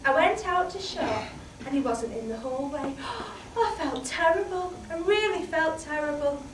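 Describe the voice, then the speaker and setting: A British woman playing a chatty, candid middle-aged housewife in a solo comic monologue, swinging from hushed asides to loud outbursts. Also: high voice, expressive, a little slow. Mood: animated. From Britain. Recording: roomy, distant mic, faint background noise.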